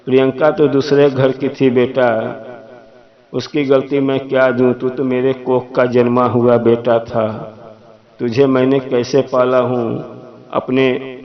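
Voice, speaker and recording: A man's voice: medium pitch, flat delivery, slow, muffled recording, natural voice. A man voicing an old hurt mother.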